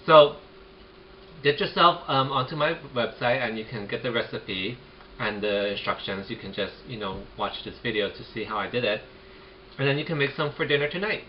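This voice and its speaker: A man's voice: medium pitch, normal speed. Chatty man filming his own cooking. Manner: chatty and relaxed, narrating each step as he goes. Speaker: home cook vlogger. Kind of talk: casual cooking demonstration. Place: home kitchen. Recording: dull lo-fi home video with faint noise.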